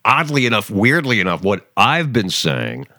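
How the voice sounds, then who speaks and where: A low-voiced man hosts his daily podcast with a lively, swooping delivery. He rambles sarcastically, restarting sentences and tossing in fillers. The sound is dry and close to the mic. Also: moderate pace, no room sound. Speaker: podcast host. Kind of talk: opinionated talk podcast monologue.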